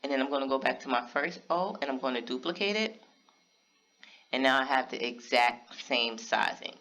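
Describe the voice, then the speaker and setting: A man casually narrating a step-by-step craft software tutorial, talking straight to his viewers. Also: mid-range voice, lively intonation, moderate pace. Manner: casual step-by-step explaining, talks to viewers directly.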